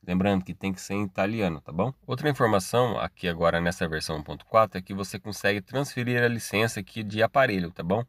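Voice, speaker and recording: Talking fast with hardly any pauses, this Brazilian tech host has a lowish, fairly bright voice and a Brazilian Portuguese accent. He walks casually step by step through a screen-recorded tutorial, checking in often with tag questions, in clean studio sound with no room sound.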